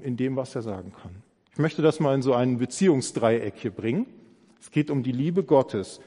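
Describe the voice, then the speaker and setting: A man's voice: medium pitch, warm tone. A man preaching an earnest, reflective sermon, acting out imagined dialogue with emphasis. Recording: long hall reverb.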